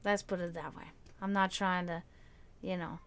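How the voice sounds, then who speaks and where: A tired woman with a Serbian accent speaks with a low-ish, flat delivery and a slightly bright, clean tone. She hosts a livestream, casually chatting with viewers in a rambling, halting way, restarting sentences and using many fillers.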